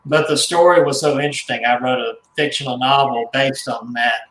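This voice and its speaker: A man, a guest collector, telling stories in casual radio chat, rambling and halting with restarts and small chuckles. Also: mid-range voice, steady tone, fairly bright tone, reverberant, rough recording. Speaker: guest, haunted doll collector and author.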